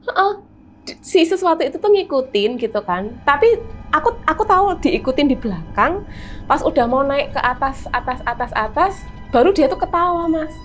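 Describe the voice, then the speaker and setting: A woman with a Javanese accent, a guest telling her own horror experience in casual chat, animated and vivid with lots of fillers. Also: high voice, normal speed, soft background music. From Semarang, Central Java, Indonesia.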